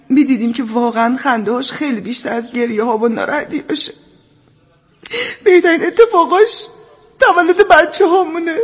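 A woman's voice: a little high, breathy edge. A middle-aged woman playing a wistful, tearful mother leaving the family home, in a radio drama. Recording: long hall reverb.

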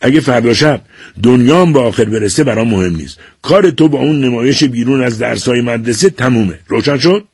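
A man reading an audiobook and voicing a stern, furious middle-aged father who shouts orders at his son. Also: mid-range voice, lively intonation, slightly rough, no room sound, clean studio sound, voice pushed up. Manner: shouting, domineering.

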